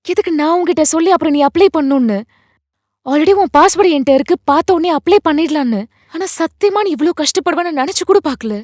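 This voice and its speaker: A woman's voice: high-pitched, animated, fast talker, darkish tone, dry recording, clean studio sound. An actress playing a young wife who argues and pleads with her husband, her voice tense with emotion. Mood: pleading. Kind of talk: short film acting.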